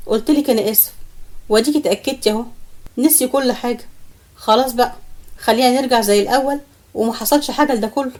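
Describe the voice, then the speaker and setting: A woman's voice: on the high side, fast, long pauses, a little mellow, natural voice. A woman with an Egyptian accent voicing a young male student who apologizes insistently. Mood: pleading. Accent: Egyptian Arabic. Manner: pleading, insistent.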